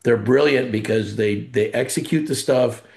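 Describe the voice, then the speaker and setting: A middle-aged man in a casual podcast conversation, an animated storyteller who acts out the voices he quotes. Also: medium pitch, normal speed. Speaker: college athletic conference leader.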